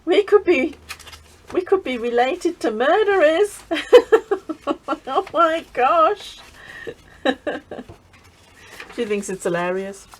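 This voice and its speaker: A woman's voice: high-pitched, very animated, takes it slowly, long pauses, a little hiss or hum, poor audio. A middle-aged woman chatting casually while crafting, laughing often and restarting her sentences. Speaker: craft channel host.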